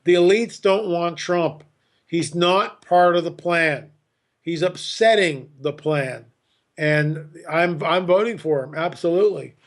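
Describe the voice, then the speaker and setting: A man on a podcast as a guest, giving emphatic, opinionated talk, often repeating words and mockingly mimicking others. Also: on the high side.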